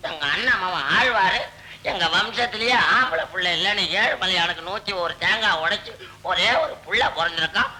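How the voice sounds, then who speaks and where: A blustering henpecked husband. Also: male voice, normal speed, pushed and bright, rough recording. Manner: exaggerated comic outbursts, swooping pitch. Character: henpecked middle-aged husband, former clerk, blustering and pious. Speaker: comic actor. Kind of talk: 1970s film comedy dialogue.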